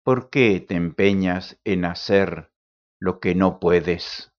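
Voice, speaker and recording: A man voicing a gentle, compassionate young woman who speaks softly and formally. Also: low voice, slow. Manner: soft, pleading formal speech. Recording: dull lo-fi recording.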